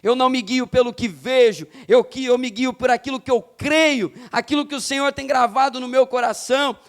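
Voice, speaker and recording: A man preaching an impassioned evening church sermon, rising to shouts and slowing down for emphasis. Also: extremely high pitch. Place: church sanctuary.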